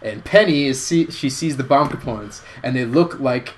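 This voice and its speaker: A man hosting a casual online show, pitching a movie idea in a rambling, self-correcting way. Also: normal speed. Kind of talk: casual comedic chat.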